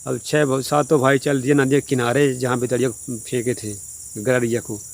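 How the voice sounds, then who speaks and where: A man's voice: medium pitch, little pitch movement, moderate pace, vocal fry. A man telling a comic village folk tale in a plain, rambling, repetitive way. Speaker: storyteller. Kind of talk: casual oral folk storytelling.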